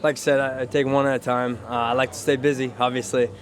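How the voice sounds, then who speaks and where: A man's voice: medium pitch, level tone, quick pace. A man who is a fighter, answering interview questions casually in a modest, matter-of-fact way. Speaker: professional MMA fighter.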